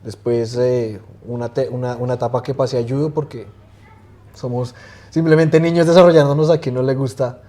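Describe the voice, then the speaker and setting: Guy, 20s, mellow tone, easygoing interview guest with lots of "em"s. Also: medium pitch, normal speed. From Colombia. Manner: relaxed, hesitant, many fillers and restarts. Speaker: guest swimmer. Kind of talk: casual interview chat.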